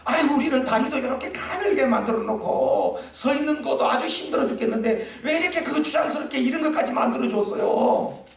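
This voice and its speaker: A flock of fussy birds grumbles and whines about their lot, their voices pitched high and bright. A preacher puts them on in a big echoey church, heard from a distance. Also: male voice, a little fast, gravelly. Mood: complaining. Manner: whiny, complaining.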